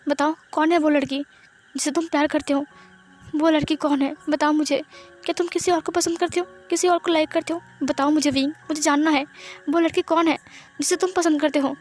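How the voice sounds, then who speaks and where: A woman's voice: sits high, fairly even intonation, fairly quick, a little mellow, soft background music, natural voice. A woman voicing a lovesick young woman who pleads and presses with questions, in a read-aloud fan story. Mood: insistent.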